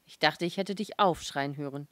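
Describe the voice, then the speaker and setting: A dreamy, wistful young Martian wife , voiced by a woman reading aloud, who recounts her dream with eager wonder. Her voice is lowish and close, with a dry sound. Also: moderate pace, fairly bright tone, no room sound.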